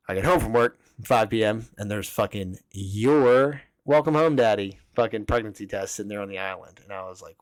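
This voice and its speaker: A man's voice: lowish voice, no echo. A young man hosting a podcast, telling a personal story in a rambling, profane way and filling his talk with "like.". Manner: rambling, profane, heavy use of "like". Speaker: podcast host. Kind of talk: casual storytelling.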